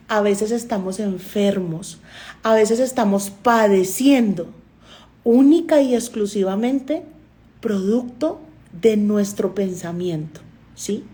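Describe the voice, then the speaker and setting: A woman's voice: mid-range voice, dark tone. A Colombian woman, a doctor and therapist, giving a motivational talk to an online audience and telling stories in which she acts out the dialogue. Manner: storytelling, often acting out dialogue.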